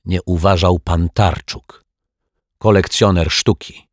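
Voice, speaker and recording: A man's voice: deep voice, steady tone, slow pace, no echo, studio quality. A man voicing a fussy, breathless male neighbour in a storybook. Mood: worried. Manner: puffing, breathless.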